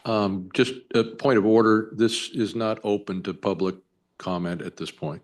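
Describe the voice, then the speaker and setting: A man runs a public meeting as chair. He speaks in short, informal procedural remarks in a fairly low voice. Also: steady tone, moderate pace.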